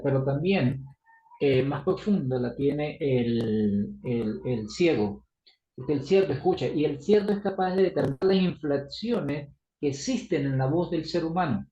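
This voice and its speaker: Guy preaching casually, kinda high mellow voice, echoey room, muffled sound. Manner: conversational, many restarts and tag questions; acts out dialogue in shifting voices. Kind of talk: Bible study sermon.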